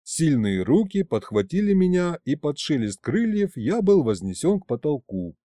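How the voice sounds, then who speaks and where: A man narrating a comic storybook in an expressive, playful reading. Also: on the high side, moderate pace, no echo, clean studio sound. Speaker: audiobook narrator.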